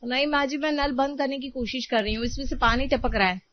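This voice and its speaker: A woman's voice: high voice, fairly even intonation, fast talker, slight background noise, voice pushed up, natural voice. A woman voicing a put-upon young daughter-in-law who complains and pleads in a storybook drama. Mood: complaining. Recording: dull lo-fi recording.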